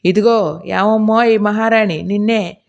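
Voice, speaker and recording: A woman reading an audiobook voices a scolding middle-aged village housewife with a shrill, indignant, nagging delivery. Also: moderate pace, a little mellow, muffled recording, natural voice.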